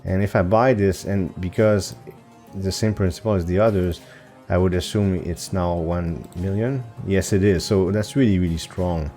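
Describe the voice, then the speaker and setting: Deep mellow man musing over a game. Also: fairly even intonation, normal speed, faint music behind. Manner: thinking aloud, hesitant with fillers, self-correcting. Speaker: gaming channel host. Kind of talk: casual gameplay commentary. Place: home recording setup.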